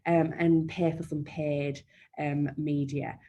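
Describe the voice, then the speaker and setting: A Yorkshire marketing trainer with a broad accent presents a live webinar and fields questions in a chatty, down-to-earth manner, saying "um" often. Her voice is low, dark and slow with a level tone, and the audio is dull with a little hiss or hum.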